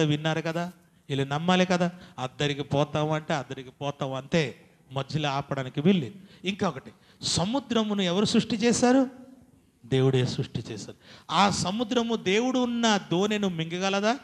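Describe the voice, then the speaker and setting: A man's voice: a little high, normal speed. Male preacher, fervent church sermon, urging the congregation to answer back. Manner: call-and-response preaching, rising to loud exhortation. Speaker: pastor. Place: church hall.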